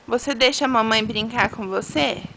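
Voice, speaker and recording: A woman's voice: on the high side, normal speed, background noise. A woman with a Brazilian Portuguese accent, a mother using coaxing, sing-song baby talk with her toddler.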